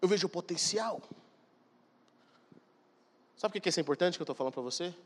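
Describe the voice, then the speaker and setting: A man's voice: sits high, expressive, quick pace, breathy edge. A man preaching a sermon, emphatic and speaking straight to the congregation. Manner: emphatic, addresses congregation directly. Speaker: pastor. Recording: long hall reverb.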